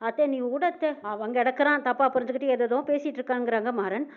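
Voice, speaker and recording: Brisk, high woman storyteller; tinny phone-like recording, rattles through dialogue. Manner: narrates quickly, reads out each character's lines with tags like "she says". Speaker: narrator retelling a TV serial episode. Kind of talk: fast storytelling recap voicing all characters.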